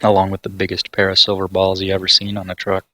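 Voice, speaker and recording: Low flat-voiced game master. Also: male voice, quick pace, no room sound. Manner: descriptive, mimics sounds with his voice. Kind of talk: narrating a tabletop game over voice chat. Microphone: voice chat headset.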